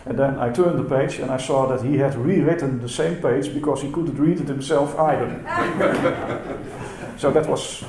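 Speaking at a moderate pace in a darkish, mid-range voice, a symposium speaker who is a native Dutch speaker gives a halting conference presentation. He uses many fillers and repeats words, and the lecture hall recording is echoey with faint noise.

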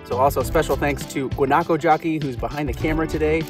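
A man's voice: fairly high pitch, fast talker, over music, poor audio. A man in his thirties, a chef giving a casual, chatty outdoor cooking demonstration while sitting on a rock in open grassland. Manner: upbeat, chatty, easygoing.

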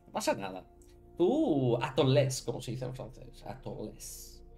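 Lively chatty Spanish man streaming. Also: medium pitch, moderate pace, soft background music. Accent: Spanish from Spain. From Spain. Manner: chatty, thinks aloud, talks to chat viewers by name. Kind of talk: casual live-stream chat while building a card deck.

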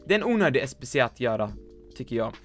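Male gaming creator, casual blunt team-review chatter, mid-pitched, faint music bed behind. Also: very animated, fairly bright tone. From Sweden. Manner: blunt, joking, swears often, mixes English slang. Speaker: gaming YouTuber reviewing viewers' teams. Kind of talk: casual commentary.

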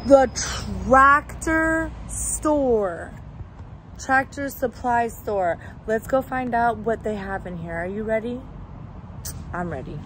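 A woman's voice: fairly high pitch, animated, slow pace, a bit bright, a little hiss or hum. A woman in her thirties chatting to viewers on a casual travel vlog, filmed on a phone held at arm's length in a car and then in a store. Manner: chatty, addressing viewers as you guys. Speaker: vlogger. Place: in a car, then inside a farm supply store.

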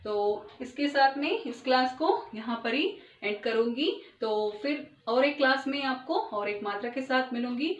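A woman teacher giving a recorded Hindi lesson to young children, spelling words slowly and clearly and mixing in English words. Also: high voice. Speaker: primary school teacher. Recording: echoey room, distant dull mic.

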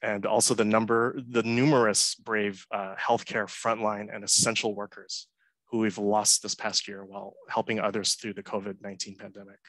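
A man in his thirties, from Hong Kong, giving a prepared conference talk over a headset on a video call, earnest and measured with many uh fillers. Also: lowish voice, flat delivery, a bit bright, dry recording, low-quality recording. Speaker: conference speaker. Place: home room, indoors. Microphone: headset mic on a video call.

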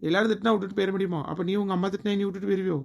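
A man's voice: high voice, steady tone, racing, vocal fry, over loud music. A man playing a young village lover who coaxes and pleads insistently with his crying partner in a family drama. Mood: pleading.

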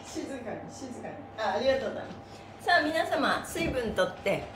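A high-voiced, bubbly woman who teaches mime hosts an upbeat live stretching class, talking fairly quickly, chatting and counting out moves while playfully giving honorifics to body parts and objects. She's in a small indoor room with a mat on the floor, recorded by a phone or camera a metre or two away. The live-stream sound is roomy and echoey, very noisy, with music behind her.

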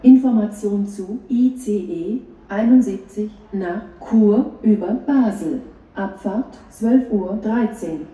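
A woman reading flat, scripted railway platform announcements in measured, separate phrases as a station announcer. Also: medium pitch, slightly rough, rough recording.

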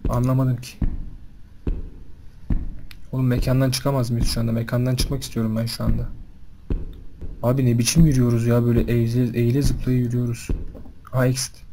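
A young man giving casual commentary on a horror game, chatting to his viewers and panicking loudly when scared. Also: mid-range voice, flat delivery, brisk, long pauses, slight background noise. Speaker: gaming video host.

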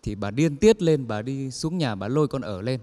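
A man's voice: medium pitch, normal speed. A man telling funny stories on stage and acting out the people in them. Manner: lively storyteller acting out quoted characters. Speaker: comedian telling jokes on stage. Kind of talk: stand-up joke telling. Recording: long hall reverb.

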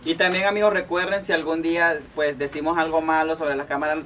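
Young Salvadoran man, slightly high voice. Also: flat delivery, brisk, a bit bright, far from the mic, slight background noise. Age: 20s. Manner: friendly, admits to being a bit nervous. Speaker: comedy duo co-host. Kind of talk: casual on-camera introduction.

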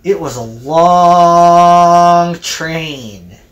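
A woman narrating a homemade train story in an unhurried, sing-song way. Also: fairly low pitch.

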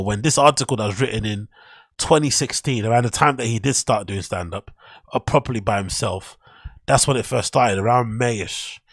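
A man's voice: medium pitch, a bit bright, husky, no room sound, clean studio sound. A man hosting a podcast, commenting casually and skeptically while reading through posts and an article on screen, rambling and correcting himself as he goes. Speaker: podcast host. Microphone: studio mic on boom.

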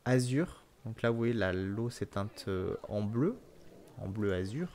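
A man hosting a relaxed game walkthrough, explaining features with many filler pauses. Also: fairly low pitch. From France. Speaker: gaming video host.

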